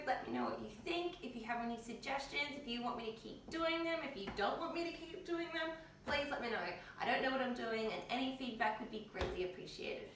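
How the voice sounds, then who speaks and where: An Australian woman who makes health vlogs speaks in a fairly high, slightly bright voice, chatting casually in her kitchen with the windows open. Tiredness and pain come through in her offhand, colloquial talk. Faint noise and strong echo fill the recording from a distant mic.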